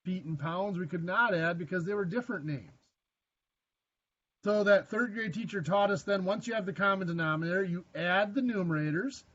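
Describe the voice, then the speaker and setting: Higher-voiced man teaching math in class. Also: moderate pace, fairly bright tone, lo-fi sound. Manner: dry joking asides, self-deprecating; asks the class questions. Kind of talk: classroom lecture.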